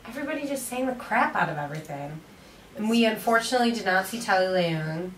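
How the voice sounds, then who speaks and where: A woman's voice: mid-range voice, animated, fast talker, fairly bright tone, a little hiss or hum. A young woman co-hosting a theater review in casual chat, wry and joking. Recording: roomy room sound from a distant mic.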